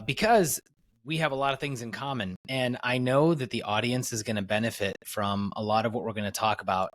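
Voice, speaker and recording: A man's voice: mid-range voice, fairly bright tone. A man hosting a podcast interview as a coach, talking in an enthusiastic, rambling way with many restarts. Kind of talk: casual interview.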